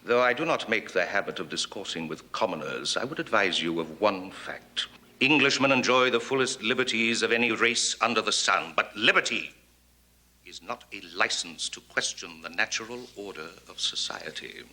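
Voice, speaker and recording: A man's voice: on the low side, expressive, moderate pace, sharp tone, exaggerated voice. An actor playing a pompous aristocratic English statesman, lecturing in a period film. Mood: haughty. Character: haughty aristocratic English statesman, older man. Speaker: Lord North, Prime Minister.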